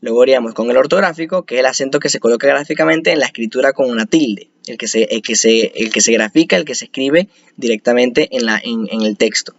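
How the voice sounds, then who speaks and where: A man's voice: mid-range voice, quick pace, no echo, highs cut off. A man presenting a spoken lesson on spelling rules, explaining step by step with frequent restarts and hesitations.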